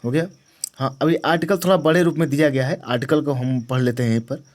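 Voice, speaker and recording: Teaching grammar to students preparing for exams, a man speaks quickly in a medium-pitched voice with fairly even intonation. He asks questions only to answer them himself, repeats the important words, and makes sure the class understands.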